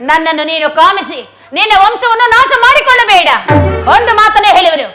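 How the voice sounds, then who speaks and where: A woman playing an outraged, virtuous wife in a village stage drama, rebuking a villain in a high, bright, declaiming voice. Faint music plays under her lines. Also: expressive, a little fast, full character voice. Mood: scornful. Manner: scolding, declamatory stage delivery. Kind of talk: Kannada folk stage drama.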